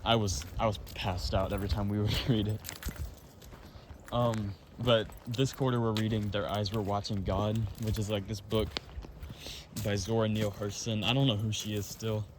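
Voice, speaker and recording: A tired teenage boy with a stuffy nose, rambling casually about school with many fillers and quick apologies. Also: fairly low pitch, level tone. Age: teens. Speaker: student vlogger. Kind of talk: casual chat. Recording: noisy background.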